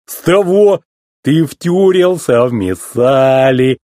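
A man voicing a goofy, boastful old tow truck in a storybook reading, with a husky, sing-song teasing drawl. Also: on the high side, animated, measured pace, a little mellow, no room sound, studio quality, pitched above the performer's own voice.

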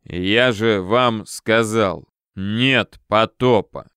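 A man voicing a wary, gruff older man who grumbles slowly from behind a closed door, his voice muffled. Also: fairly low pitch, a bit bright, no echo, clean studio sound. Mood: grumbling. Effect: muffled, heard through a door. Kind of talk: audiobook character voice.

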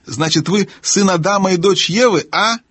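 A cantankerous old dwarf lord, as a male narrator puts him on, deaf and loud, forever mishearing and grumbling. The voice sits high above the narrator's own and is husky and dry, in a storybook reading. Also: moderate pace, no room sound. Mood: gruff welcoming. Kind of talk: audiobook character voice.

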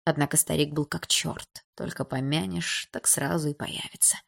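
A woman narrating a dramatic audiobook in a steady, subdued storytelling manner. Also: low voice, moderate pace, creaky.

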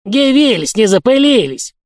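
A man voicing an irascible old male dormitory warden with a high, reedy old man's tenor, yelling and cursing. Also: very animated, normal speed, no room sound, studio quality. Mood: shouting angrily.

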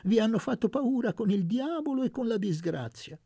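A determined young peasant leader addresses a crowd, lively and rising in pitch as he presses his case, in a storybook reading, read by a man. His low voice is husky and gravelly, recorded close and dry. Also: normal speed, dry recording, exaggerated voice. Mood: rousing.

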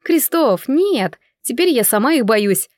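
A woman voicing a proud, mischievous young lady in her twenties, squeaking with indignation. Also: very animated, measured pace, no echo. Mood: indignant. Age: 20s.

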